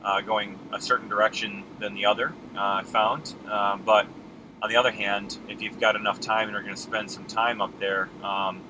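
This mountain bike vlogger speaks from a moving car to a camera on the dashboard, using a lowish voice at a moderate pace. He's relaxed and rambling, with many ums and restarts, over the hum of the road, engine and air conditioning.

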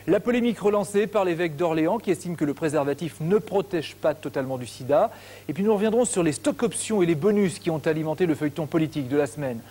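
A man anchors the evening news from a television studio, reading headlines steadily and formally. His voice sits a little high and sounds warm and mellow. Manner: measured, steady newsreader delivery.

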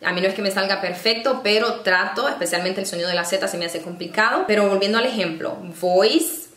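A woman presenting a casual teaching vlog, patiently explaining and slowing down to sound out example words. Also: mid-range voice, sharp tone. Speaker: online English-learning presenter. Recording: echoey room.

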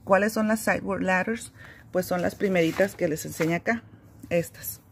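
A woman with a slightly low voice walks through a reading lesson step by step. She talks in an easygoing, explanatory way, pausing on fillers as she goes. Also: gravelly, slight background noise. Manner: relaxed, explanatory, frequent fillers. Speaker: homeschooling teacher.

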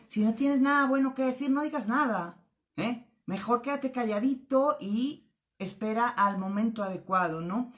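A middle-aged woman giving an earnest spiritual motivational talk, often tagging her phrases with a questioning "¿eh?". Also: fairly high pitch. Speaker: spiritual speaker.

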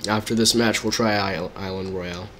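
A man's voice: on the low side, steady tone, fairly quick, a bit bright, slight background noise. A man casually chatting to his viewers while live-streaming a video game, reacting to the action as he plays.

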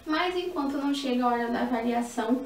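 A woman teaching an online lesson to young children in a sing-song, emphatic way. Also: sits high. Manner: sing-song, slow and emphatic on key words, with diminutives. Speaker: primary school teacher. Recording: echoey room, mic at a distance, faint ambient noise.

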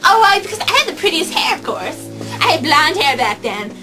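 Girl acting as a ditzy dramatic young woman, super high voice, swoops all over, amateur skit. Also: very animated, a little fast, loud music behind the voice, low-quality recording. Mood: airheaded, dramatic. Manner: theatrical, airheaded. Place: carpeted basement room at home.

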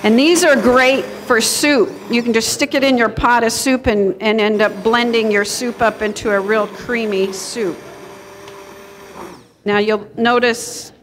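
A middle-aged cooking presenter talks an indoor audience through a demonstration in a church kitchen hall, keeping it informal and explanatory. Her voice is on the high side and fairly bright, with fairly even intonation and a measured pace. The live recording is echoey, with slight hiss or hum.

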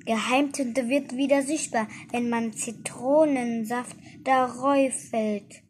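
A woman's voice: a little high, fairly even intonation, takes it slowly, slight background noise. A woman doing a clever, helpful mouse girl.

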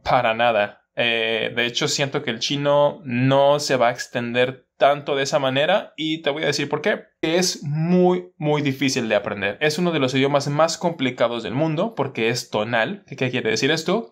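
A man's voice: mid-range voice, fairly bright tone. A man, talking casually to camera as a language teacher, explaining with examples and asides. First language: Spanish.

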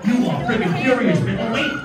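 A man working as a stage hypnotist, giving loud, playful commands to volunteers and laughing along. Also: very high-pitched, brisk. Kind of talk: live hypnosis show patter. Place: indoor comedy venue with audience. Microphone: phone held far off in the audience. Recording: far-off echoey phone recording over crowd and music.

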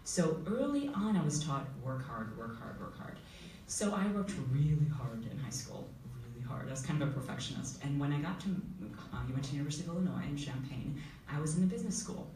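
A woman from Uganda with a very low voice tells her story at a panel, her pitch moving a lot as she talks. She sounds distant in an echoey hall with faint noise. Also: animated, a little fast, hardly any pauses, warm tone. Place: school hall with audience. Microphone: table mic heard from far camera.

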